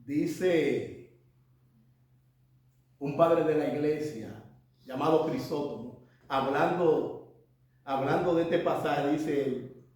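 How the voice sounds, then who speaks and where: A man preaching a sermon as pastor, swinging between loud emphatic cries and quiet, dropped asides. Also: a little high, slow pace, pauses often. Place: church hall. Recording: echoey church room from off-mic.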